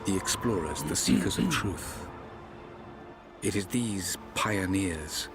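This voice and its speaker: An actor playing a solemn scholar narrating a cinematic game prologue in a measured, deliberate way. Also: male voice, low voice, animated. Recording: loud music behind voice. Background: loud cinematic music.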